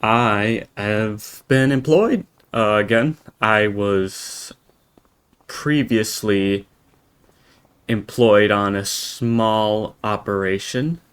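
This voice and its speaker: Slow-spoken American man, halting. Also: lowish voice, smooth. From United States. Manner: halting, rambling, many restarts. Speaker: game roleplayer and channel host. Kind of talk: in-character roleplay commentary.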